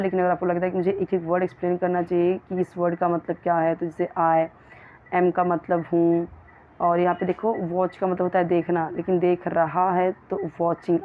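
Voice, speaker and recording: A woman teaching spoken English to beginners, patiently explaining and saying each example sentence slowly and carefully. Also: lowish voice. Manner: explains patiently, addressing learners as children. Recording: tinny phone-like audio.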